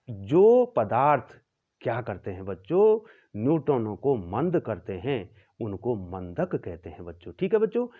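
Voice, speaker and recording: A man teaches a physics class in a lecture style, repeating key terms and often checking in with his students. His voice swings widely in pitch as he explains. The recording sounds thin and phone-like. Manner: addresses students as children, repeats terms, corrects himself.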